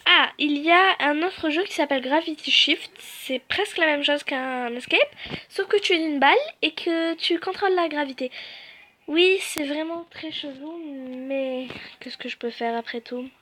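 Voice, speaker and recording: A young woman gaming YouTuber plays a video game for her channel, offering chatty, self-mocking commentary in a high, pushed, bright voice at normal speed. There's a little hiss or hum in the audio.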